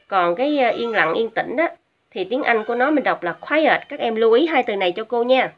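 Vietnamese woman teacher, dull lo-fi audio. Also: a little high. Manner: patient, repeats each word twice for pronunciation drill; hesitant fillers while explaining. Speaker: English teacher. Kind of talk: recorded vocabulary lesson for students.

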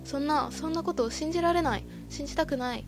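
Woman reading scared young woman's lines, shaky, pleading, fairly high, quick. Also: over music. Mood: frightened. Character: frightened young woman, clingy and tearful.

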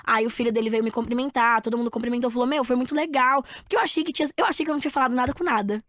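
A Brazilian woman chatting as a podcast guest, telling an animated story and acting out what people said. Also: a little high, racing, dry recording, clean studio sound. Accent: Brazilian Portuguese. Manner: animated storyteller, acts out quotes. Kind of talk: casual chat.

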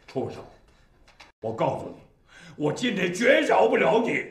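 An actor playing a stern, furious old father who shouts threats at his son in a period TV drama. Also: high voice, very animated, a little slow, reverberant, slight background noise. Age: older. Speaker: family patriarch.

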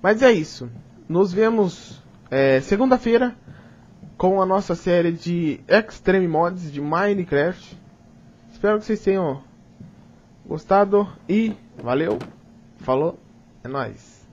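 A man's voice: high voice, lively intonation, slow pace, a little mellow, dull audio. A young man with a Brazilian Portuguese accent doing let's play commentary of a horror game, jumpy and swearing, talking to himself. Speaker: gaming youtuber.

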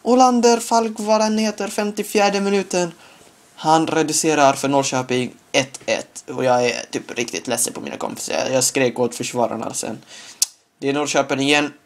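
An excitable man giving loose, chatty commentary over his own gameplay. His voice sits at an ordinary middle pitch, but it shoots up into squeals and shouts whenever something big happens, and he often laughs at his own jokes. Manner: excitable, bursts into high-pitched yelps and shouts at big moments. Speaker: gaming video creator.

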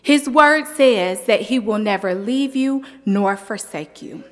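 A woman giving a sermon as the youth Sunday speaker, talking in a slow, deliberate preaching manner. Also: fairly high pitch, in a large hall. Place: church.

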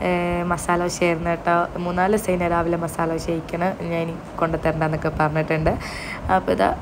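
A woman's voice: fairly low pitch, noisy background. A young woman casually narrating her day as a mother of two small boys, chatty and full of hesitation sounds. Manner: chatty, tags sentences with "you know", frequent hesitation sounds.

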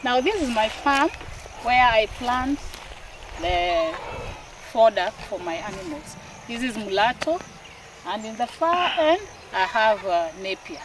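A woman's voice: on the high side, big pitch swings, a little slow. A middle-aged woman farmer showing her farm outdoors, explaining her methods in a plain, practical, step-by-step way. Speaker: dairy farmer. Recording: outdoor recording with clear background noise.

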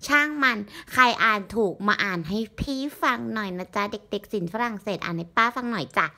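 A woman's voice: medium pitch, brisk, pushed and bright. A woman in her forties chatting casually to her viewers as she reviews a beauty product, joking about herself along the way. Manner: chatty and self-mocking, addressing viewers as friends. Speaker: beauty vlogger.

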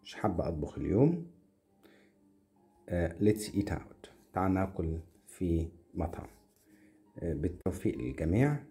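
A man with an Egyptian Arabic accent teaching short English lessons, saying English words slowly one at a time and explaining them in quick Arabic asides. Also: sits low, big pitch swings, warm tone, soft background music.

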